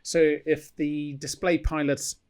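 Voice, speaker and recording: A man's voice: on the high side, level tone, slow pace, a little mellow. A man, a former pilot, telling rambling anecdotes in a casual podcast chat.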